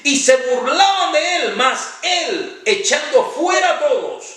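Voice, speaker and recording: High-voiced preaching man in echoey room. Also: very animated, fairly bright tone. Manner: emphatic preaching, drawn-out stressed words. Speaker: pastor. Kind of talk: sermon. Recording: very echoey, from far off.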